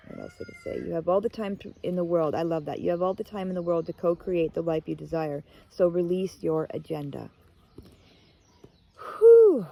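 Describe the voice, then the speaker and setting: A woman's voice: deep voice, gravelly, warm tone, low-quality recording. A woman giving a casual, heartfelt tarot card reading, rambling and emotional as she talks to viewers. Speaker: tarot reader.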